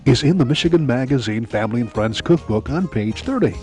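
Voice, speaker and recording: Male co-host, mid-pitched voice, upbeat scripted travel narration. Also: animated, brisk, darkish tone, faint music behind. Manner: upbeat promotional delivery. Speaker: TV magazine co-host.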